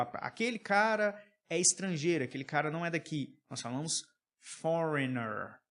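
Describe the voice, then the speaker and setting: A man with a Brazilian accent, speaking in a slightly higher register, works through song lyrics as an English teacher. He explains patiently and keeps checking in with short questions. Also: a bit bright. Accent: Brazilian Portuguese.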